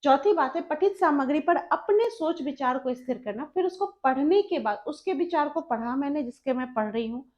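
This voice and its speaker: A woman's voice: high voice, animated, moderate pace, a little mellow. A young woman teaching an exam-prep lesson, explaining step by step and repeating key terms, mixing English words into her talk. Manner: mixes English terms into Hindi. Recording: slightly dull lo-fi recording.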